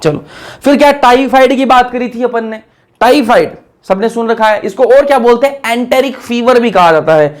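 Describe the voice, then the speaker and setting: A man's voice: very high voice, moderate pace. A young man giving a casual lecture, chatty, asking his students questions and answering them himself. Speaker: teacher.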